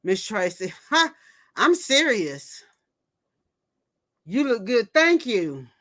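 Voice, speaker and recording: A woman's voice: fairly high pitch, very animated, slow pace, a bit bright. A woman in her fifties hosting a casual livestream, gossiping and reading viewer comments aloud before reacting to them. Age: 50s. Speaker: livestream host. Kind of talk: casual chat.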